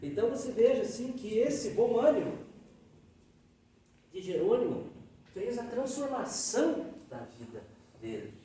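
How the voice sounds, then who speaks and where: High-voiced Brazilian man lecturing in an echoey hall. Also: a little slow, long pauses. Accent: Brazilian Portuguese. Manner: lively, folksy, frequent tag questions. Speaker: Spiritist lecturer. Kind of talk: storytelling lecture. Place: Spiritist society hall. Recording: echoey hall, distant mic, faint noise.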